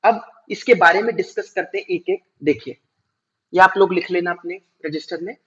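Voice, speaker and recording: A male teacher giving a classroom lecture, explaining step by step, slowing down to spell out terms and checking whether students follow. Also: sits high. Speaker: commerce teacher. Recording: dull lo-fi recording.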